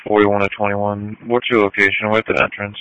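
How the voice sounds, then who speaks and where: Male police radio operator: low, even, procedural, on a slightly muffled channel. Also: brisk, clean tone, no room sound. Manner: flat, procedural.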